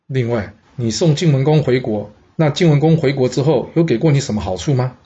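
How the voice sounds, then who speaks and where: A man's voice: mid-range voice, animated, a little fast, warm tone, husky. A man voicing an aging male envoy who reasons earnestly, step by step. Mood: persuasive. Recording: dull lo-fi audio.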